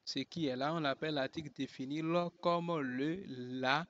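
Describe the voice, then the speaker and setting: Male language teacher, slow and deliberate, repeats his points, fairly high voice, dry lo-fi sound. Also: steady tone, fairly bright tone, dry recording. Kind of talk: language lesson. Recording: dull, dry lo-fi recording.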